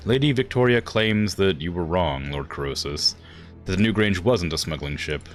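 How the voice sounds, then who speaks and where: A man's voice: low-pitched, lively intonation, moderate pace, faint music behind. A man voicing a wry, plain-spoken mercenary commander while reading video game dialogue aloud. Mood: cautious.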